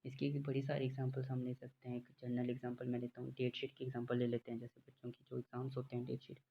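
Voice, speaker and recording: A man gives a lecture in a flat, gravelly voice, pausing often with fillers and reading definitions very slowly. The recording is dull and lo-fi, with faint noise behind him. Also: medium pitch. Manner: explains slowly with many fillers, reads English lines very slowly. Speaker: teacher. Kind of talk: classroom lecture.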